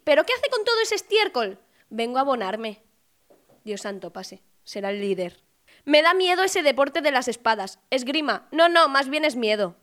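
A woman telling rapid-fire jokes in a deadpan way, doing both sides of each exchange. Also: high-pitched. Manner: quick deadpan one-liners, acting out both sides of each joke. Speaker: joke teller.

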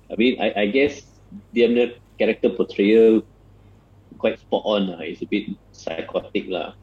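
The recording is a little dull, and the man's voice is deep and husky. He has a Malaysian accent and chats casually as a film critic, mixing Malay and English with plenty of 'lah'. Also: moderate pace. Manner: colloquial code-switching with frequent 'lah' particles.

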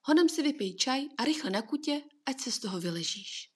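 A woman playing a caring mother in a storybook, brisk and fussing, with a breathy voice. She sounds concerned and practical at once. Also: sits high, lively intonation, voice pushed up. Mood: worried.

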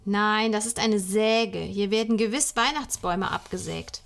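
A woman voicing a calm, patient father explaining things to his children. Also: mid-range voice, unhurried, gravelly.

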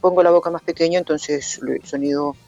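A woman's voice: deep voice, fairly even intonation, a little fast, a little mellow. A woman music and singing teacher explaining voice technique on a phone call, in an explanatory manner that stops to sing short demonstration lines. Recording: muffled phone line with faint music.

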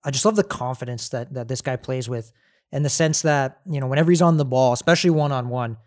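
A man's voice: mid-range voice, quick pace. A man hosting a casual sports podcast, upbeat and chatty, laughing easily. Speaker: podcast host.

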